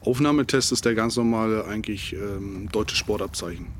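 A man speaking as a military instructor in a casual podcast interview, with halting, thoughtful phrasing. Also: on the low side, a little hiss or hum.

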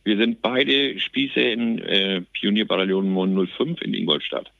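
A man's voice: on the low side, measured pace, gravelly, dry recording, lo-fi sound. A man speaking as a sergeant major guest in an interview, colloquial and plain-spoken. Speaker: army company sergeant major, podcast guest. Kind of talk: casual interview talk.

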